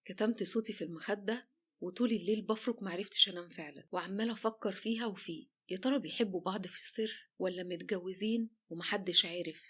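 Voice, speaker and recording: Fast-talking Egyptian woman storyteller. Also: mid-range voice, slightly rough. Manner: lively, chatty. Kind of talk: first-person romance story narration.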